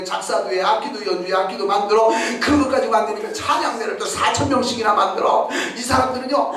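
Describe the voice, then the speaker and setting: A man preaching with a fairly high voice, lively and animated, and often tossing questions out to the congregation. His voice booms around a big, echoing sanctuary and sounds distant from the mic. A faint hum of room ambience sits underneath. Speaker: pastor. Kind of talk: sermon. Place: church sanctuary. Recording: echoey church hall from far off.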